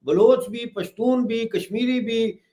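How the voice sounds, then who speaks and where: A man's voice: very high voice, unhurried, mellow. A man hosting a political panel, moderating the discussion with brief interjections. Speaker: host.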